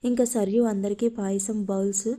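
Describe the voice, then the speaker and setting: A woman narrating a love story, reading in a steady, flat way. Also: mid-range voice, moderate pace.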